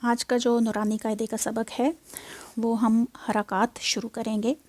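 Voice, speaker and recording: Slow patient woman recitation teacher. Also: a little high, little pitch movement, darkish tone, no room sound. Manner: patient, spells out syllables slowly, mixes in English words. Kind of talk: slow spoken lesson with recited syllables.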